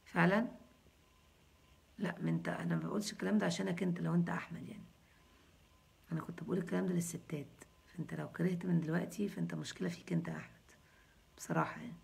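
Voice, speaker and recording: A woman's voice: on the low side, fairly even intonation, racing, gravelly, long pauses, breathy edge. A woman in her thirties with an Egyptian accent, hosting a casual live chat and answering viewers with jokes and teasing. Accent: Egyptian Arabic. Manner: joking, teasing, chatty. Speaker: host answering viewers' comments.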